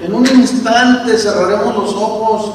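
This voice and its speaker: A man's voice: sits high, steady tone, measured pace, slight background noise, voice pushed up. A preacher voicing a martyred husband who tenderly comforts his wife. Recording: echoey church hall from far off.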